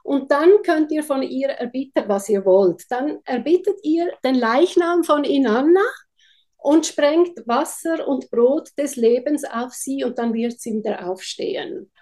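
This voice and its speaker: Swiss german woman, high voice, retelling a myth in a chat, acts out little quotes. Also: unhurried, darkish tone. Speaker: storyteller guest.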